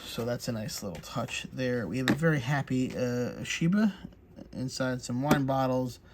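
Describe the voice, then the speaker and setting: A man of mid pitch talks through a craft kit unboxing in a relaxed, chatty way, filling pauses with plenty of "uh" and "um". A faint hiss of noise sits under his voice. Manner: relaxed, chatty, many fillers. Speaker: crafts channel host. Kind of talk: casual unboxing walkthrough.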